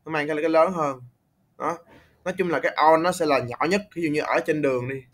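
A man from Vietnam with a Vietnamese accent, patiently tutoring English on a video call, repeating words slowly to correct pronunciation. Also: on the high side, a bit bright. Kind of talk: online English tutoring, casual.

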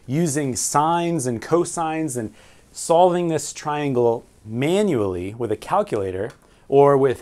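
In a small room decorated with framed pictures and signal flags, a man in his forties teaches navigation at a whiteboard. He speaks at a medium pitch with a slightly mellow quality, walking through each step and raising questions he answers on his own.

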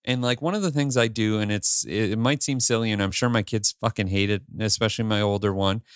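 A man's voice: lowish voice, steady tone, a little fast, clear, resonant tone, dry recording. Brief: man in his forties, casual podcast co-host, clean resonant voice, dry close mic. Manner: candid, rambling with restarts and swearing. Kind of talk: casual chat.

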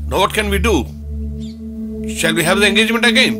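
A man dubbing an excitable male relative in an English film dub, exclaiming in exasperation. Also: high-pitched, a little fast, lightly acted. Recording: film soundtrack with music. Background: film score.

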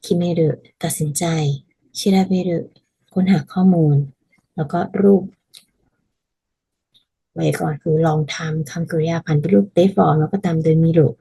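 A woman teaching a casual language lesson, patiently explaining and repeating phrases slowly so learners can practice. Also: deep voice, steady tone, creaky, warm tone, slightly rough, rough recording.

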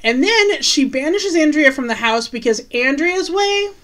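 Woman podcast co-host with a slightly high voice, casual recap, chatty with quick asides. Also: lively intonation, a bit bright. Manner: chatty, recounts scenes with quick asides and laughs. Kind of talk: casual chat recapping a TV episode.

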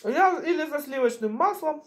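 A middle-aged woman chatting casually in short phrases with pauses as she eats, chewing while she talks, recorded in a home kitchen. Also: sits high, expressive. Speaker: mukbang vlogger. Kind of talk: casual chat while eating. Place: small home kitchen, indoors. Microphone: camera on the table at arm's length.

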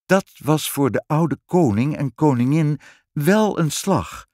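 Male storybook reader, Dutch accent, expressive, dry close recording. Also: fairly high pitch, takes it slowly, no room sound. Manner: expressive, animated. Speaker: narrator. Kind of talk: storybook reading.

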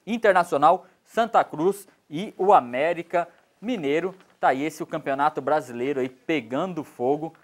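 A man in his thirties, a sports commentator, talking through results in a small TV studio on a lapel mic, brisk and informal with many fillers. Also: a little high.

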